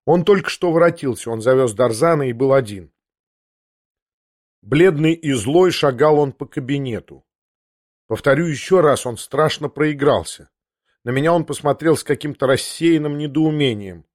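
A man narrates a classic novel in the first person, his reading steady and measured but tense. His voice sits at a plain middle pitch for a man. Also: no echo, clean studio sound. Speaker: audiobook narrator.

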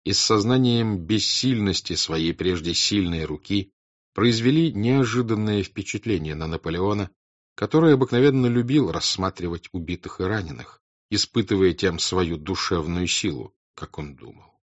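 Man, very deep voice, audiobook narration, grave measured delivery, dull lo-fi sound. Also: expressive, no echo. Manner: measured, grave, deliberate reading. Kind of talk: scripted literary narration. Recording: dry, dull lo-fi recording.

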